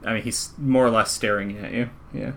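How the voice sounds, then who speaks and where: A man with a slightly low voice narrates a tabletop game as its game master. His delivery is relaxed and playful. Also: a little fast, gravelly, slight background noise.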